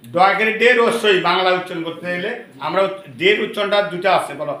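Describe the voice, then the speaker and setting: A man teaching English to a classroom of students, drilling words in call-and-response and urging them to repeat louder. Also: sits high, fast talker. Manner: pushes class to answer louder. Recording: echoey classroom from far off, loud crowd noise.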